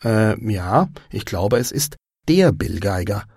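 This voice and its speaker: A man voicing a calm, matter-of-fact young man in a story read for language learners. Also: lowish voice, slow pace, slightly rough, no echo, studio quality, heavily acted.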